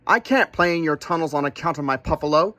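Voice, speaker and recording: Man voicing a grumpy buffalo, huffing, storybook, bright tone. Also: on the high side, quick pace, dry recording. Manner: stompy, huffing, rhyming sing-song. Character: grumpy huffy male buffalo, puffed-up fur.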